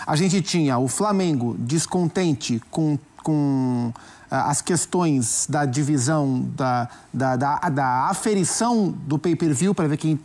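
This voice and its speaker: A man with a Brazilian Portuguese accent offers his opinion as a commentator on a studio sports debate show. He speaks at a fairly high pitch in a slightly mellow voice, staying measured and frequently restarting phrases while he thinks.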